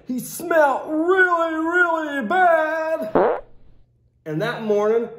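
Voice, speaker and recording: A man in his thirties, a teacher who hosts children's storytime, reads a picture book aloud to kids in a classroom, hamming it up theatrically and tossing playful asides to his young audience. His voice is very high-pitched with a fairly bright tone. The classroom gives the recording a roomy echo.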